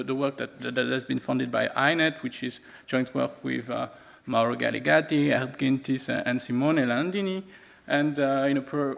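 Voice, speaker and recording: A man giving an academic conference talk, hesitant and halting, often repeating words. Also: medium pitch, creaky, fairly bright tone. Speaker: conference speaker. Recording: long reverb in a lecture hall.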